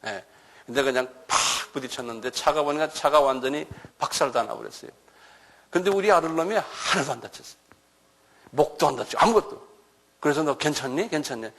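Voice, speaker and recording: A middle-aged man giving a sermon lecture to a congregation. He talks in an animated way, acts out scolding voices and keeps checking in with his listeners. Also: a little high, a little fast. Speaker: pastor.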